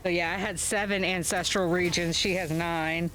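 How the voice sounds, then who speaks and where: Through a webcam setup with slight background noise and poor audio, an American woman streams her gameplay from home. Her fairly low, fairly bright voice keeps a steady tone as she rambles unhurriedly, chuckling and using plenty of fillers.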